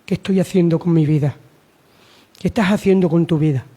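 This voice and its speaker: Exhorting his audience through repetition and rhetorical questions, a man from Spain preaches a sermon. His mellow voice is slightly high and his delivery a touch fast.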